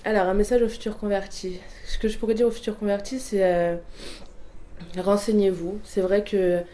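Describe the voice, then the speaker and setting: A woman's voice: mid-range voice, steady tone, normal speed, warm tone, a little hiss or hum. A woman in her twenties giving a personal testimony, hesitant, with many fillers and restarts. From Portuguese family background. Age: 20s. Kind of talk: personal testimony, answering prompts.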